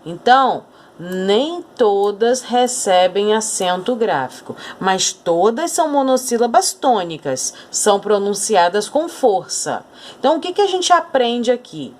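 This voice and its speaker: A woman teaching a grammar lesson to children. She talks very slowly and carefully and repeats each key word. Her pitch sits in a middle range for a woman. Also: very animated. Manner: slow, deliberate, repeats key words.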